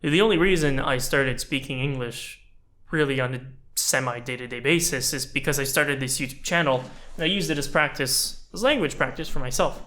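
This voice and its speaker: Reflecting casually on his channel, this animator and YouTuber, a Frenchman in his twenties, mixes thoughtful remarks with chatty jokes at his own expense. His medium-pitched voice comes out fairly quick, pushed and bright.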